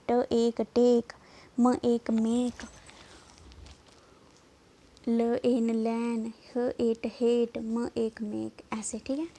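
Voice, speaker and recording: A woman teaching a basic lesson, slowing down to spell out letters and often checking in with "okay". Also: fairly high pitch, mellow. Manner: repeats "theek hai" often, slow and drawn-out when spelling letters. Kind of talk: classroom lesson.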